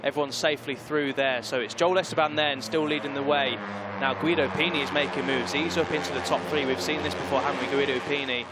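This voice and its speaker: A man's voice: medium pitch, fairly even intonation, fast, heavy background noise. A man giving live motorcycle race commentary in a conversational motorsport commentator manner. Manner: motorsport commentator delivery, conversational with tag questions.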